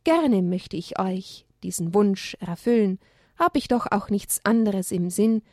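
A woman voicing a wise, calm male owl who speaks thoughtfully. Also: mid-range voice, dry recording, studio quality. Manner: thoughtful, measured.

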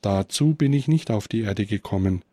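A man voicing the gentle, forgiving Christ child in a read-aloud Christmas story, speaking softly and calmly. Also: lowish voice, normal speed, no room sound.

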